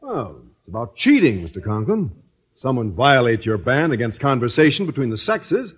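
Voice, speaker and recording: An actor playing a playful, joke-telling high school student in a 1950s radio comedy. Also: male voice, very animated, normal speed, husky. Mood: earnest. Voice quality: playful storyteller.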